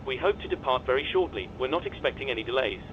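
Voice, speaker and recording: A man voicing a calm airline captain making a scripted welcome announcement to passengers over the cabin intercom, reassuring and evenly delivered. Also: mid-range voice, fast, highs cut off, background noise.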